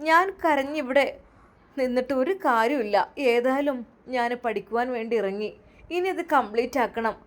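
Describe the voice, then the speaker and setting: Brief: woman as a sad young wife, soft inner monologue, fairly high. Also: moderate pace, natural voice. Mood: resolved. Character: hurt young wife and medical student.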